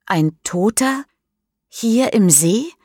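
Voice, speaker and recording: A woman's voice: medium pitch, expressive, drawn-out words, a little mellow, no room sound, studio quality, voice pushed up. A woman voicing a nervous, easily frightened teenage girl in an audiobook story.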